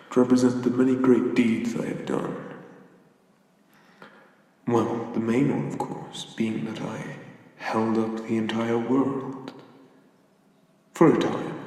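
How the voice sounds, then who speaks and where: Male actor as ancient giant god, Irish accent, whispered role-play: low, unhurried, courtly yet menacing, drenched in hall reverb. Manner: slow, measured, formal, condescendingly gentle giant. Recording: echoey hall-like reverb, somewhat distant.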